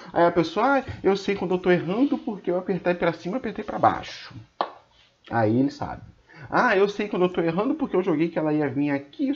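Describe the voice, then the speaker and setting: A trading instructor with a Brazilian Portuguese accent runs an informal screen-share lesson, speaking colloquially while scolding and joking with his viewers. His voice sits high and is a little mellow, and the audio is dull.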